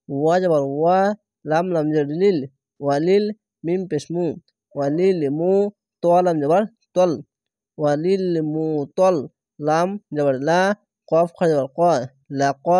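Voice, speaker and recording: A man teaching Quran reading, spelling out syllables slowly and drawing out the recited words. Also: fairly high pitch, dark tone, no echo, studio quality.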